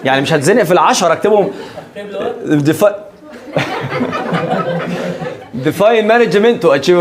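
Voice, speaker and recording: Fast-talking Egyptian teacher, joking. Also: male voice, on the high side. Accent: Egyptian Arabic. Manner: lively, joking, keeps checking if students follow. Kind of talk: classroom lecture.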